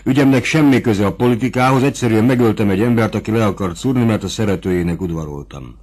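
A man reading an audiobook, voicing an eager young nobleman on the run, lifting his voice higher and louder. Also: natural voice. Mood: urgent.

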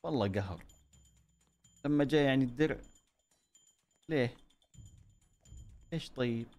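A man giving excitable commentary over his own gameplay, cheering himself on and joking with his viewers. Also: medium pitch, normal speed. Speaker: gaming YouTuber.

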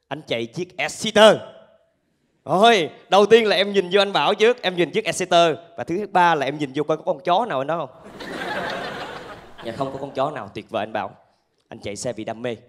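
A man with a southern Vietnamese accent performing animated stand-up storytelling to a live audience through a handheld microphone. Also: fairly high pitch, fairly quick, long pauses. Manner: animated storytelling with acted-out asides. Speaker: stand-up comedian. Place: theatre stage with laughing audience.

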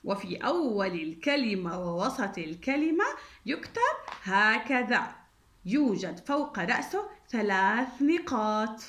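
Woman, kindergarten teacher, remote lesson, very animated pitch, slow pace. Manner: slow, sing-song, encouraging teacher talk. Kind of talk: distance-learning lesson for young children.

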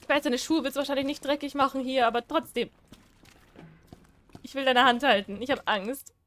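Woman streamer, high bright voice, rambling and easily spooked. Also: steady tone, brisk. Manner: chatty, jumpy, squeals and pleads when scared. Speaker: gaming streamer. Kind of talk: casual let's-play commentary.

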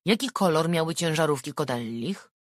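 A narrator reading an audiobook and voicing a calm detective asking even, probing questions. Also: mid-range voice, moderate pace, no room sound, studio quality, close to an everyday voice. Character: calm, methodical police detective.

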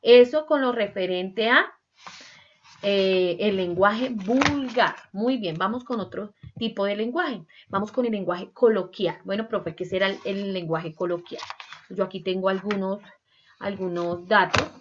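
A woman teacher leads a class in a lively, animated way, acting out everyday phrases and asking the students to confirm they follow. Her voice sits mid-range, and the recording sounds dull and lo-fi. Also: medium pitch, a little slow, background noise. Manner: lively, acts out examples, asks "¿sí?" and "¿cierto?" often. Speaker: Spanish teacher. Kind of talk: online class lecture.

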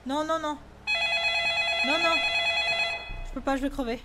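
A woman's voice: high voice, fairly even intonation, measured pace, very noisy. A woman streaming a horror game, frightened and tense, swearing and then apologizing. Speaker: gaming streamer. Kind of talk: horror game let's play.

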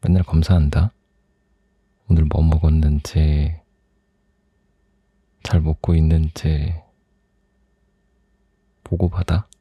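A young man in a soft, intimate ASMR role-play as a teasing, doting boyfriend, close to the microphone. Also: rumbling low, level tone, slow, pauses often, breathy edge, no room sound, lo-fi sound. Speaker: ASMR performer playing a boyfriend.

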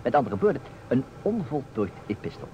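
A man acts in a Dutch radio play, voicing a teasing, emphatic character who insists on staging a detective puzzle. His natural, dark mid-range voice moves briskly with big pitch swings in a theatrical mood, heard through a dull, noisy old radio recording.

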